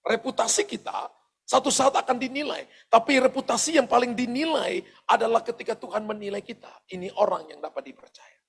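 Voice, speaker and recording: A man's voice: very high voice, brisk, gravelly, breathy edge. A male pastor giving a sermon, speaking straight to his congregation with asides and the odd chuckle. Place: church service.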